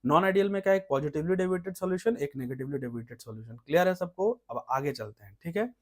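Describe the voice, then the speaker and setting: A man's voice: on the high side, expressive, quick pace, a little mellow. A male chemistry teacher lecturing, explaining step by step and often asking rhetorical check questions. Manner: explains step by step, asks rhetorical checks, repeats key terms. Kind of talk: classroom lecture.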